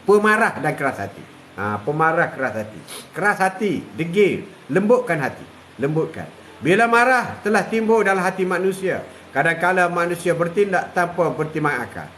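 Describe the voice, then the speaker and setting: Older male preacher with a high voice; live religious talk, lots of repetition and "ha" fillers. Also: very animated, a bit bright, slight background noise. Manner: repetitive, drawn-out, punctuated with "ha" and chuckles.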